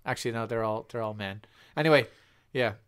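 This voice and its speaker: A man co-hosting a casual movie commentary podcast, joking and teasing in quick bursts. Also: medium pitch, fairly bright tone, smooth. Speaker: podcast co-host.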